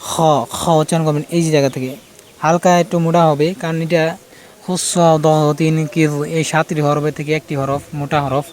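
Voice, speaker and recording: A man with a somewhat high voice gives a casual pronunciation lesson. He repeats each letter sound patiently and keeps pointing out where in the throat or mouth it is made. Faint noise sits behind him. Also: level tone, fairly quick. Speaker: Quran recitation teacher.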